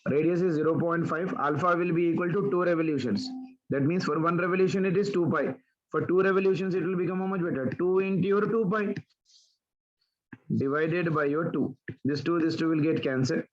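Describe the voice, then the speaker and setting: A man's voice, on the high side and a little fast, comes through lo-fi on an online class call. He's teaching physics, guiding students step by step through problems and asking questions back to them.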